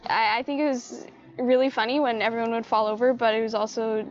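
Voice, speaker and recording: A woman's voice: a little high, steady tone, a little fast, lo-fi sound. A teenage girl answering an interview question hesitantly, with frequent fillers. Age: late teens. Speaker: graduating band and color guard member.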